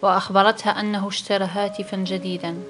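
A woman narrating a novel as an audiobook in a steady, measured reading. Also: medium pitch. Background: background music.

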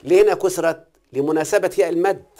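Fast-talking, with a high voice and a dark tone, a man with an Egyptian Arabic accent tutors a single student in recitation and grammar. He keeps asking questions, checking over and over that the student has understood.

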